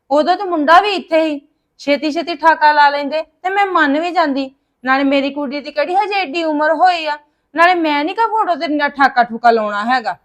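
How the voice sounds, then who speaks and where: Indignant high-voiced woman. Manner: indignant, protesting. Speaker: actor in a family skit. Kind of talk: scripted Punjabi family drama.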